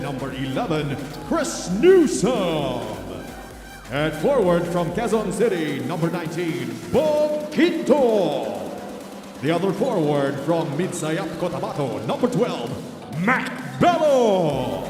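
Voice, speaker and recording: Male arena announcer for lineup introductions: high-pitched, stretched-out calls, long PA reverb over music. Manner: draws out and belts players' names. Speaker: stadium announcer. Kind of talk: echoing stadium announcing of team lineups.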